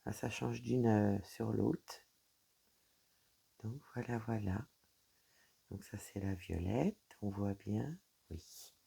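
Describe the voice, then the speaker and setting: Speaking slowly with a warm, husky, gravelly bass voice, she pauses often. She's a crafting vlogger chatting directly to her audience during an unboxing, handling items and sprinkling in fillers such as "voilà" and "donc".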